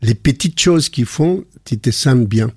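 An older man speaking French with a foreign accent, telling personal stories in a relaxed conversation with frequent restarts. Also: medium pitch, a little slow, slightly rough, dry recording, clean studio sound. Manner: warm anecdotal storytelling with frequent restarts. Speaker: guest. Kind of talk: casual conversation.

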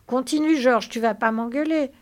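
A woman's voice: medium pitch, a little slow, close to an everyday voice. A woman reading aloud and voicing a big, simple-minded, childlike man who talks in an eager, pleading way.

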